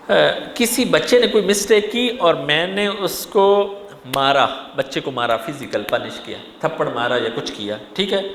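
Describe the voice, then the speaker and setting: A man's voice: a little high, a bit bright. A man giving a sermon-style parenting lecture, talking animatedly and putting frequent questions to his audience. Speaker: religious lecturer. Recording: echoey hall with faint room noise.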